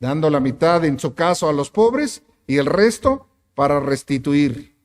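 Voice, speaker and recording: Man, pastor, sermon, emphatic, high voice, long church reverb. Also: animated, measured pace. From Mexico. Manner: emphatic, rhetorical questions to the congregation. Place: church sanctuary.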